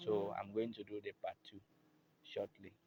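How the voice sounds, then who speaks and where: A man's voice: fairly low pitch, completely flat delivery, normal speed, dull audio, background noise. A man giving a patient, casual step-by-step keyboard tutorial at his instrument. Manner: plain, patient, repeats "I believe you can hear".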